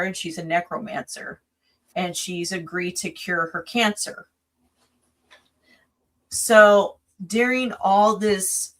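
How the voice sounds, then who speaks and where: A woman's voice: lowish voice, fairly bright tone. Chatty woman recapping a film, tired. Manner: rambling, many restarts and fillers, recapping a film plot. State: yawning, tired from recording late. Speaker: podcast co-host. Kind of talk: casual chat.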